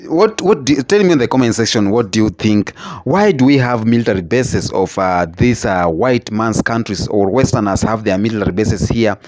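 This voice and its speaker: A man's voice: on the low side, moderate pace, few pauses, a little mellow. A man hosting a casual reaction talk, asking questions and repeating himself. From Africa. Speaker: host.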